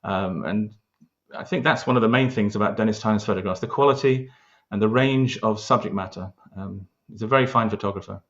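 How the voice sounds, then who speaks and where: An award-winning local historian with a London accent gives an earnest interview about the area's past, stumbling into frequent hesitations and restarts. His voice is on the low side and slightly bright, and he speaks fairly quickly over lo-fi audio.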